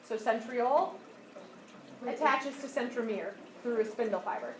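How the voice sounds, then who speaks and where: A woman's voice: a little high, moderate pace. A woman teacher explaining a lesson to a class, often checking that they follow. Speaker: high school biology teacher. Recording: echoey classroom, distant mic, background noise.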